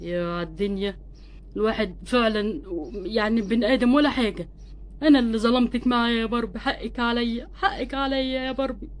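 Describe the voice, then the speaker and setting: A sick, remorseful young husband doll, voiced by a woman who pleads and complains in an Egyptian Arabic accent. The voice sits high and runs quick, a homemade doll-play story with an earnest emotional tone. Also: steady tone, close to an everyday voice. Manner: plaintive, pleading, tearful when moved.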